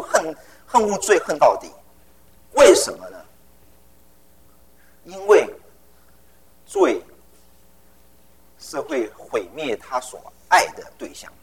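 Animated gravelly preacher, a man. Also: mid-range voice, rough recording. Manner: animated, mixes English phrases into his speech; tells personal stories with vivid sound words. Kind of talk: sermon.

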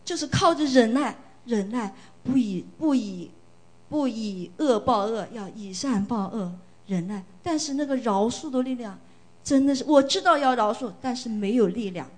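A woman's voice: on the high side, expressive, normal speed, darkish tone. A middle-aged woman from China giving an earnest, emotional church testimony, often repeating phrases for emphasis.

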